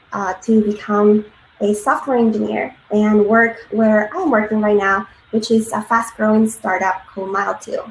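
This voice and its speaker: Woman, thirties, grew up in Peru; earnest conference speaker, filler-heavy, roomy echo on the recording. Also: medium pitch. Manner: frequent ums and uhs, earnest. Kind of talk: presentation talk. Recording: echoey room with faint noise.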